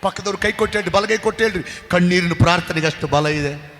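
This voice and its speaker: High-voiced pastor preaching in a reverberant hall. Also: male voice, fast. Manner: repetitive, rising to shouted exhortation. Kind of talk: sermon.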